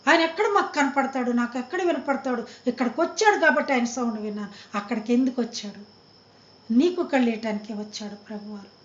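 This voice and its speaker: A woman preacher delivering a storytelling sermon, acting out the voices of the people in the tale. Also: high-pitched. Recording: roomy, muffled lo-fi sound.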